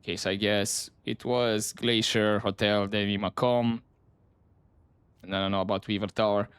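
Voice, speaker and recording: A man's voice: fairly low pitch, level tone, normal speed, fairly bright tone, smooth, no echo. A man giving casual let's play commentary, musing to himself as he plays.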